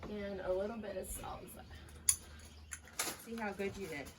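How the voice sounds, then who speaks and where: A woman's voice: mid-range voice, normal speed, noisy background. A woman cooking outdoors for her family on a casual vlog, upbeat and coaching her kids along. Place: outdoors at a griddle.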